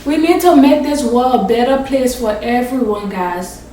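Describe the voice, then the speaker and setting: A woman's voice: a little high, moderate pace, warm tone, distant mic, slight background noise. A woman vlogger from Africa telling a story-time vlog, speaking passionately and emphatically, sometimes swearing. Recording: roomy echo, voice off the mic.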